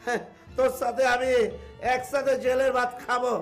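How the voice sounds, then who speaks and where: A man's voice: very high-pitched, monotone, normal speed, soft background music. An actor playing a blustering male office boss in a comic TV drama, cursing his staff and moaning that he is ill. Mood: ranting. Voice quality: loud, abusive, moaning.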